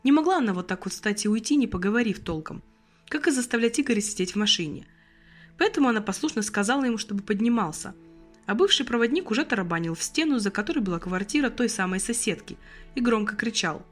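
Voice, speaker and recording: Female audiobook narrator, lively pitch, slightly high voice, faint music underneath. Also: quick pace. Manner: expressive, storytelling.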